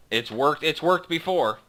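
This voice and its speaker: Bright-voiced man running a tabletop game. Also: fairly high pitch. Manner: slow dramatic read-aloud narration, then halting casual asides. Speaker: game master. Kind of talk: narrating a tabletop game online.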